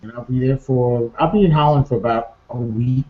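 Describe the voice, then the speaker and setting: A man with a mid-range voice chats briskly yet subdued and informally as co-host of a casual online talk show, a two-person conversation held during an online video hangout from an indoor room. The call audio is muffled, echoey, and faintly noisy.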